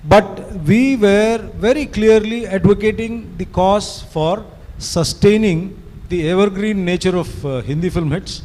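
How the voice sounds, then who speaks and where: A sixty-year-old man, a native Tamil speaker, addresses an audience at a live event as its organizer. His voice sits high and a little mellow, a bit slow, and he rambles fluently, mixing Hindi and English with frequent "you know"s. A long hall reverb colors the recording.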